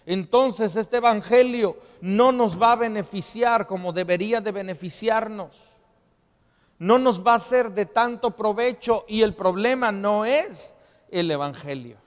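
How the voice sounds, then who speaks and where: A man preaching a sermon to his congregation, reading scripture aloud and asking them to repeat phrases after him. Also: sits high. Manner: call-and-response preaching, asks congregation to repeat. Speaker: pastor. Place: church hall. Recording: long reverb in a church hall.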